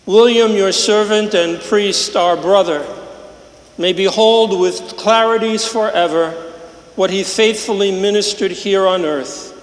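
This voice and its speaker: A priest with a fairly high voice intones the prayers of the Mass in a measured, solemn way. His voice carries through the cathedral echo of a large, roomy church, and each phrase trails off in a long reverb. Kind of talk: liturgical prayer.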